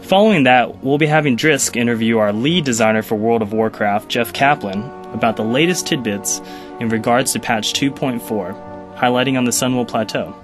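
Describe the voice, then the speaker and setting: A man's voice: medium pitch, normal speed, music in the background. A man hosting a podcast, introducing the episode and interviewing a guest in a casual way. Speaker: podcast host and community manager.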